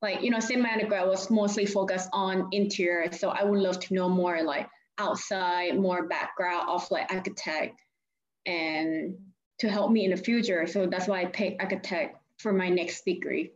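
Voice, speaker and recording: A young woman in her twenties from Thailand with a Thai accent, answering interview questions in a halting, casual way full of "like" fillers. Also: fairly low pitch, steady tone, roomy sound, dull audio. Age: 20s. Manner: halting, many "like" fillers and restarts. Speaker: guest, architecture graduate student.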